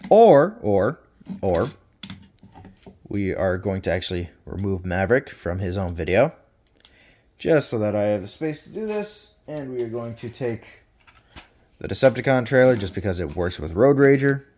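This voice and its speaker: A man's voice: fairly low pitch, big pitch swings, normal speed, darkish tone, a little hiss or hum. Chatty man in an echoey room. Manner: chatty, rambling, with playful swearing. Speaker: toy reviewer. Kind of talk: casual toy review vlog. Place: indoor room with reverb.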